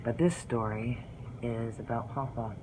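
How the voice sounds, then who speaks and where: An earnest man tells faith-filled family stories for his vlog, partly reading from his own book. His voice sits at an ordinary pitch and is delivered with heartfelt sincerity, with a faint hiss behind it. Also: measured pace. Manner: earnest, heartfelt, religious storytelling. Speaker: vlogger.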